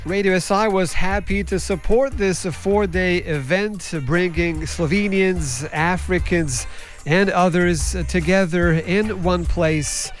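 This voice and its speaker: A male radio reporter with a high voice, doing vox-pop interviews at an outdoor festival. He keeps his questions short and friendly, and faint music plays in the background. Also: slow pace.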